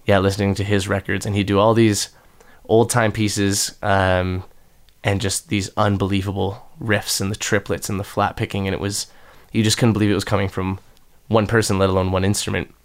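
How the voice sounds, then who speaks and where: This young male musician, interviewed as a guest, has a lowish, slightly nasal voice with little pitch movement and talks at a normal speed. His answers wander, with lots of fillers and false starts.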